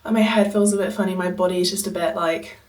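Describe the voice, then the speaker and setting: A woman's voice: fairly low pitch, fairly even intonation, fast talker, a little mellow, reverberant, recorded from a distance, rough recording. A young woman in a casual vlog to camera, sounding ill with a cough and short of breath, chatty and frustrated but determined. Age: young adult. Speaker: vlogger. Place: indoors at a holiday home.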